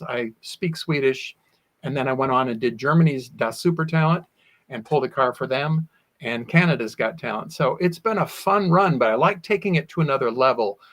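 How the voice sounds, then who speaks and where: With a medium pitch and a fairly bright tone, this man is a sword swallower being interviewed. He spins long, animated anecdotes from his life and frequently performs his own past lines.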